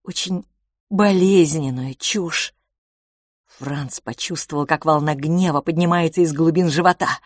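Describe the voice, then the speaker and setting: A woman narrates a novel aloud with expressive, dramatic storytelling. Her voice sits fairly low for a woman. The recording is dry and close, with no room sound. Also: unhurried, dry recording. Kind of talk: audiobook reading of a novel.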